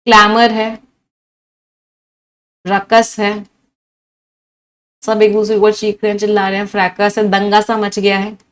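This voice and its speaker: A woman teaches English vocabulary in a live online class, switching between Hindi and English. She rattles off synonyms in long chains and keeps asking her students to answer. She has a mid-pitched voice. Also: unhurried, long pauses. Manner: lively teacher who lists many synonyms and quizzes her students.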